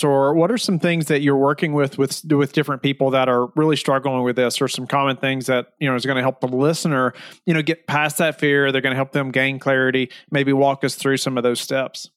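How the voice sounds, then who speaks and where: A man's voice: mid-range voice, steady tone, fairly quick, no room sound, clean studio sound. A man hosting a podcast, asking friendly prompting questions and closing the show. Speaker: podcast host.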